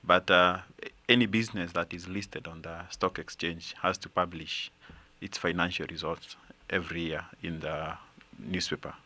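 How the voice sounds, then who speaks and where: Very deep-voiced man, bright tone. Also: steady tone, normal speed, few pauses. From Kenya. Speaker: newspaper reporter, guest. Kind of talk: interview answers.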